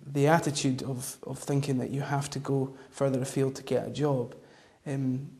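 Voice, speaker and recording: A man giving measured interview answers in halting, deliberate phrases. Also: mid-range voice, little pitch movement, vocal fry, darkish tone. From Scottish Highlands. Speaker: vox pop interviewee.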